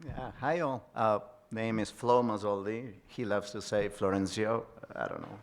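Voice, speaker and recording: A man from Argentina speaks on a conference panel in a low, gravelly voice. He talks haltingly, with frequent fillers and restarts. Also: expressive. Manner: hesitant, many fillers and repeated words. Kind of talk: panel self-introduction. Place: conference hall stage.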